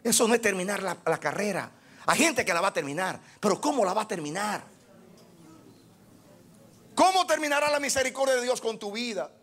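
A man in his fifties preaching an impassioned sermon as pastor, swinging from low intense speech to shouted exhortation. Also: expressive, fairly quick, pauses often. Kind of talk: fiery sermon.

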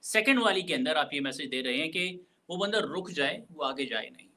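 A man giving a recorded university lecture, explaining carefully, mixing in English phrases and slowing down to stress key words. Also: a little high, lively intonation, pushed and bright, low-quality recording.

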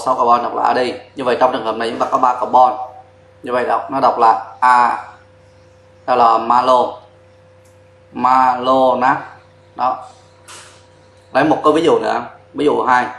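A man's voice: mid-range voice, vocal fry, a bit bright. A man teaching a chemistry lesson at a board, explaining step by step and spelling out formulas letter by letter. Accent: Vietnamese. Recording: echoey classroom sound.

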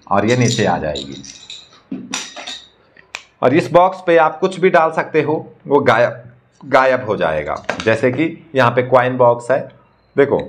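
A man who is a magician, briskly showing and explaining magic props one after another in a casual demo. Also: medium pitch, slight background noise. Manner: brisk, talking props through each trick. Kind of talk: casual product demonstration.

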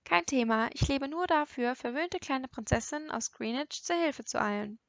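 A woman's voice: high voice, expressive, normal speed, creaky, fairly bright tone, no room sound, dull audio, exaggerated voice. A woman reading the part of a cocky young man who teases with sarcastic remarks, in an audiobook. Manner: mocking, sarcastic.

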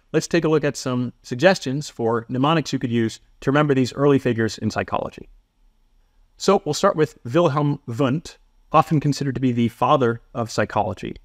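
A man talks through a psychology lesson in a steady, methodical way, with a dry, self-deprecating wit. His voice sits at an ordinary middle pitch. The recording is close and dry, with no room sound around it. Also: no echo. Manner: methodical, explanatory delivery. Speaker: psychology instructor. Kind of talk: scripted educational narration.

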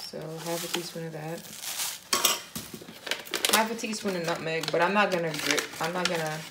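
A woman's voice: lowish voice, steady tone, moderate pace, heavy background noise. A woman giving a casual cooking demonstration in her home kitchen, chatting offhand while she measures. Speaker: cooking vlogger. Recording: loud kitchen clatter of dishes and utensils.

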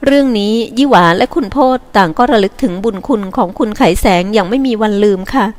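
A woman voicing a gentle, forgiving young girl who speaks softly and sweetly. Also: a little high, fast talker, voice pushed up, lightly acted. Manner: soft, sweet and soothing.

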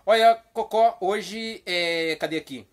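A woman hosting a playful comedy vlog, rambling and teasing, with sudden mock shouts. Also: mid-range voice, slow pace. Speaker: vlog host.

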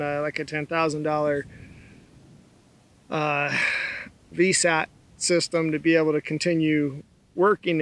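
A middle-aged man co-hosting a sailing vlog, talking in a steady, thoughtful way with pauses and fillers, seated outdoors on open dunes and filmed from a tripod camera. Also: on the high side. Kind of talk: casual chat.

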